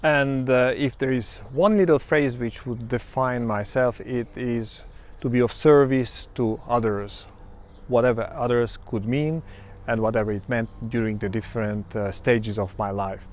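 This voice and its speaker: Hungarian-accented man, 50s, reflective personal monologue, mid pitch. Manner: measured and reflective, many ums and pauses. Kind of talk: personal self-introduction monologue.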